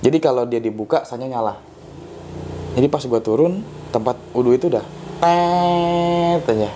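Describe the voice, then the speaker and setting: A young man with telling a ghost story in a casual, loose way, often pausing with hesitations. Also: mid-range voice, dark tone, a little hiss or hum. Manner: loose and rambling, with frequent hesitations. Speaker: guest storyteller.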